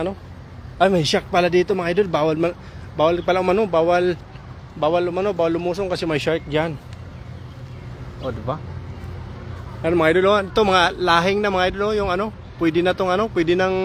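This high-voiced man from Samar, Philippines, speaks fairly quickly but pauses often, with a little hiss or hum on the recording. He holds his phone while strolling a pond-side park by day, chatting and exclaiming to viewers he calls "idol."

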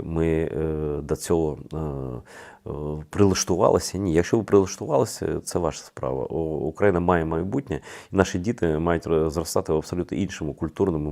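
Deep creaky-voiced man in commentary. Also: mellow. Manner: emphatic, with rhetorical questions and frequent hesitations. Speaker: video channel host. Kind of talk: spoken video commentary to viewers.

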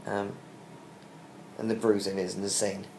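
A young British man, weak, tired and short of breath after surgery, talking haltingly in a casual video diary. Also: fairly low pitch, flat delivery, a little mellow. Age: young adult. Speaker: vlogger giving a recovery update. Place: small hospital room, lying in bed. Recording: roomy echo with faint background hiss.

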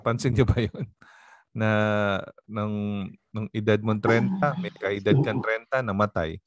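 A man's voice: fairly low pitch, steady tone, unhurried, no room sound, dull audio. A man, a pastor, leading an online Bible study on a video call, asking the group questions politely and prompting them to answer.

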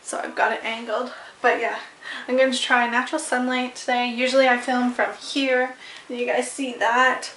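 A woman's voice: fairly high pitch, pushed and bright. A young woman in her twenties chatting casually to a handheld camera, recorded with noisy camera audio. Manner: chatty, laughing easily, talks to the camera. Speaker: vlogger. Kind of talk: casual vlog chat. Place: home and car. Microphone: handheld compact camera.

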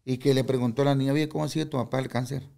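A man's voice: medium pitch, fairly even intonation, very fast, vocal fry, mellow. An older man, a guest in an interview, telling stories bluntly and candidly, swearing freely and acting out what others said. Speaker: guest musician. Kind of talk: casual interview storytelling.

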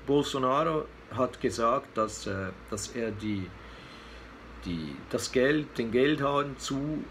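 This man in his fifties talks politics to camera without a script for a weekly news vlog, pausing to search for words. He speaks slowly in a medium, slightly bright voice with lively intonation, against clear background noise and room ambience.

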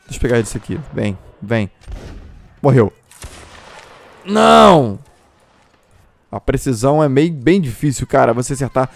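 A young man with a Brazilian accent giving excited gameplay commentary, often breaking into shouts while he chats to his viewers. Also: medium pitch, fast, hardly any pauses. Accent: Brazilian Portuguese. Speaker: gameplay streamer. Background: faint classical music from the game.

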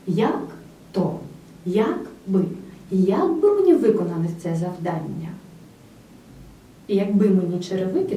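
A woman giving a scripted grammar lesson, speaking clearly and with emphasis straight to the student. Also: medium pitch, dark tone. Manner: clear, emphatic teacher's delivery addressing the student directly. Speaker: language teacher. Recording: roomy, slightly distant with faint noise.

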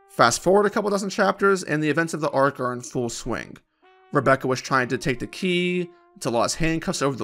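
A man's voice: mid-range voice, fairly bright tone. A man delivering a scripted commentary video essay in a sarcastic, dismissive way.

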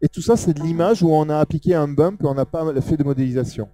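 Man, Southern French accent, software demo presenter, casual and hesitant, deep mellow tone, dry close sound. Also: fast talker, no room sound. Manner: casual, hesitant, many fillers, pointing things out. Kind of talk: live technical demo talk.

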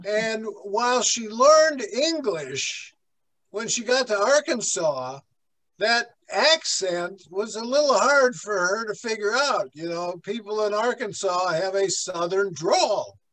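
Slow, high-voiced pastor teaching a class. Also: male voice, lively intonation, fairly bright tone, low-quality recording. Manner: slow, rambling, with many fillers and asides. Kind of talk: conversational Bible class lecture. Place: church classroom.

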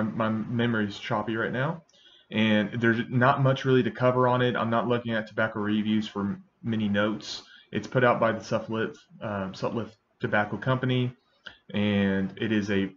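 A man in his thirties giving a casual, halting review to camera. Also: on the low side, steady tone. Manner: halting, hesitant delivery. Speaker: pipe tobacco reviewer. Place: small indoor room with bookshelves. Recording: dull webcam sound with faint noise.

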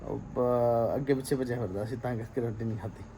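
A chatty man talking straight to the camera as he vlogs his day as a new father. His voice sits at an ordinary middle pitch, and the recording is noisy, with traffic heard behind him. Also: fairly even intonation, fairly quick, warm tone. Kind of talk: casual family vlog chat.

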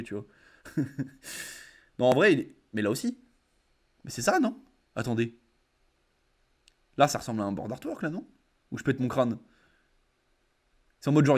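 Young man, casual card reviewer; reads the text, then slangy offhand reactions. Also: medium pitch. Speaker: card game content creator.

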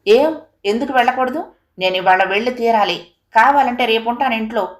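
A woman's voice: medium pitch, normal speed, lightly acted. A woman voicing a proud, defiant young wife who answers back sharply. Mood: angry. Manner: sharp, scornful retorts.

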